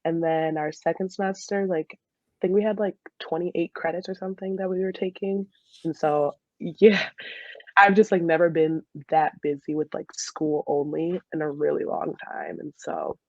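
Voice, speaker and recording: A podcast guest in her 20s, an American woman who is both a dental student and a soccer player, tells stories in a chatty, giggly way, leaning on "like." Her voice sits low and a little mellow, steady in tone at a moderate pace. The audio is dull with no echo.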